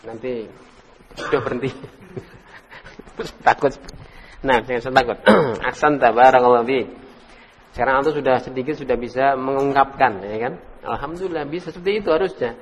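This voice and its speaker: Reverberant religious teacher drilling students. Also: male voice, medium pitch, slight background noise. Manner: quizzes students by name, praises answers, repeats drill words slowly. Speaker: Islamic teacher leading an Arabic class. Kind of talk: interactive classroom lesson. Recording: reverberant room recording.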